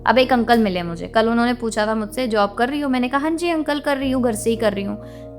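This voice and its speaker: Young woman vlogger, higher voice, outspoken and indignant rant, faint music underneath. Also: fast talker. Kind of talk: venting monologue to camera.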